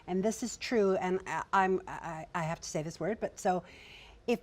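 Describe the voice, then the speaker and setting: A young-sounding woman with a voice on the low side tells irreverent stories on a discussion panel. She's a writer and producer, energetic and quick to laugh.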